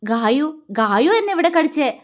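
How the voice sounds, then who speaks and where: A woman's voice: very high voice, normal speed, fairly bright tone, voice pushed up. A woman voicing a childlike, easily hurt young man in a storybook, speaking in a pleading way. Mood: innocent.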